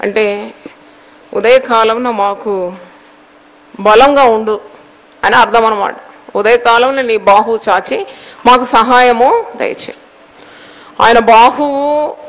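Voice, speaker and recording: Woman preacher, high voice, reads verses and asks the listeners questions. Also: low-quality recording. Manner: reads verses aloud, explains them in Telugu with English phrases. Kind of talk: devotional sermon with scripture reading.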